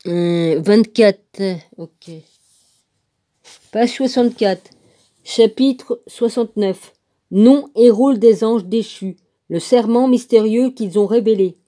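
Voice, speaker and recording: A woman reads aloud slowly, stopping to spell names letter by letter and talk to herself about them. Her voice sits a little high but sounds very dark and mellow. She keeps it casual and unhurried. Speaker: reader of a religious text. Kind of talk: casual reading aloud with asides.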